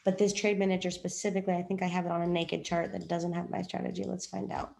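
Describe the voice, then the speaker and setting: A woman's voice: fairly low pitch, completely flat delivery, quick pace, vocal fry, a little mellow. A woman, a trading coach chatting through a chart in a rambling, self-joking way. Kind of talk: casual screen-share explanation.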